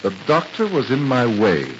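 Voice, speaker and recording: A suave, sardonic villain of a 1940s radio serial. He talks down to everyone with mocking polish and wide swings of pitch. The sound is muffled, with a faint hiss. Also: huge pitch swings, moderate pace. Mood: smug, condescending. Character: smooth, mocking male crook, a spy posing as chemist. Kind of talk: 1940s radio drama acting.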